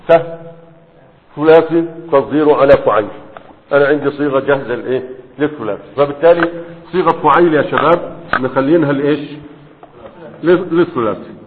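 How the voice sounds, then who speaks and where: A man teaching a class in a lecture style, constantly checking understanding with quick questions to his students. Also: on the high side. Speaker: teacher of Arabic morphology. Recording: tinny phone-like sound with long hall echo.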